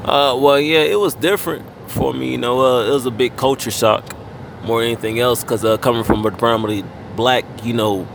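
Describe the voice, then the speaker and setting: A man in his thirties from Fort Lauderdale, a rapper talking in a relaxed, casual way, full of fillers and loose swearing. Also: medium pitch, brisk, creaky, slight background noise. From Fort Lauderdale, Florida. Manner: laid-back, heavy on fillers and casual swearing. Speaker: guest rapper. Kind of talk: casual interview chat.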